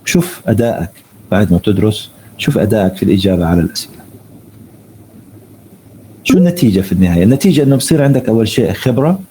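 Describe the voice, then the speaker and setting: A man teaching an online English lesson. He reads each tip slowly in English and then explains it in Arabic. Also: lowish voice, mellow, a little hiss or hum, low-quality recording.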